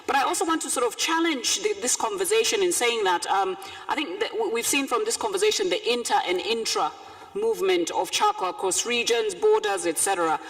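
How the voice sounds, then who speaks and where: A woman's voice: a little high, fairly quick, creaky, soft background music. A woman from Zambia giving emphatic, spontaneous closing remarks at a conference panel. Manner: animated, emphatic, challenging. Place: conference room. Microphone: speaking from her seat, away from the podium mic.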